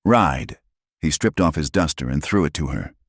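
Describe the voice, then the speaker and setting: Very deep male audiobook narrator. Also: slightly rough, no room sound, studio quality. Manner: measured, dramatic.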